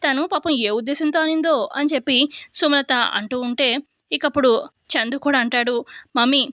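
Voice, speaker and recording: A woman's voice: high-pitched, normal speed, fairly bright tone, dry recording. A woman chattily retelling a TV serial episode scene by scene, full of linking fillers.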